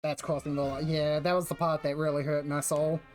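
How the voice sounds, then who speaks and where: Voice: mid-range voice, level tone, brisk. A game streamer of unclear sex with a broad New Zealand accent, chatting casually in a slangy, rambling way that often breaks off mid-thought. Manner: slangy, rambling, self-interrupting. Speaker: game livestreamer. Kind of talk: casual chat while gaming. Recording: music behind the voice. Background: music.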